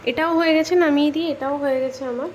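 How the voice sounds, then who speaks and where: Woman vlogger, West Bengal accent, high voice, chatty and direct to camera, home kitchen. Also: steady tone, racing, darkish tone, slight background noise. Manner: chatty, talks straight to viewers. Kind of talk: casual home vlog.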